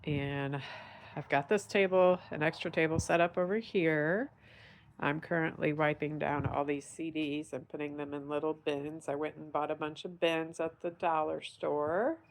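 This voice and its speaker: A woman's voice: sits low, fairly even intonation, moderate pace. A middle-aged woman, congested and nasal from dust, chatting to viewers on her vlog while she works in a barn. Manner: chatty, upbeat, talking to viewers while working. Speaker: vlog host. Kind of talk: casual vlog narration. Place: dusty barn in the country.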